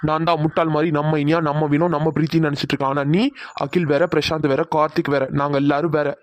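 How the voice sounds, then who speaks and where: A man's voice: a little high, flat delivery, fast, no echo, close to an everyday voice. A man voicing a hot-tempered young man in a cartoon, who talks in harsh, blunt, scolding bursts. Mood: angry. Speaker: voice actor. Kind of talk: cartoon voice acting.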